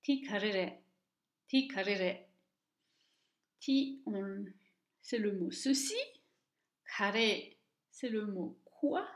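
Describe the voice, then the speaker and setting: A woman teaching Tibetan reading, speaking slowly and carefully and repeating each word twice for the listener. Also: medium pitch. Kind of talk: slow, deliberate language lesson. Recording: echoey room, dull lo-fi sound.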